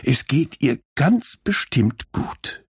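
Man voicing a gentle, hopeful animal heroine. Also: mid-range voice, huge pitch swings, slow, slightly rough, dry recording, clean studio sound, pitched above the performer's own voice, full character voice. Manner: soft, comforting, hopeful.

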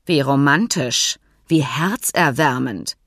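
A woman reading an audiobook, voicing a loud, choleric, heavyset male horse owner who blusters and growls. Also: lowish voice, a little slow, no room sound, studio quality. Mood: menacing. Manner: explosive shouting, then dangerously calm.

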